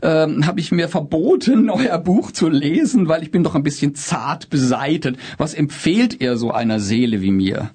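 A man's voice: fairly high pitch, lively intonation, moderate pace, few pauses, a little mellow, breathy edge, dry recording. A man hosting a casual interview, asking playful questions. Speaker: host.

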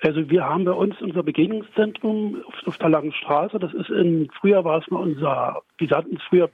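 A man's voice: a little high, brisk, vocal fry, breathy edge, dry recording. A man in his fifties from the outskirts of Berlin, with a Berlin accent, speaking as an interview guest and explaining things plainly, with restarts. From Berlin outskirts, Germany. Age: 50s. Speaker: guest, pride association member. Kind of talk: interview over a phone line. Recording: tinny phone line, dry.

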